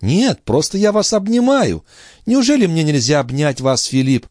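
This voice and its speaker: A nervous, fragile young woman, read by a male narrator who talks in breathless, high exclamations. Her pitch swoops widely as she protests. The audiobook sound is dry and close. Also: very animated, moderate pace, a little mellow, dry recording. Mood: agitated, fluttery.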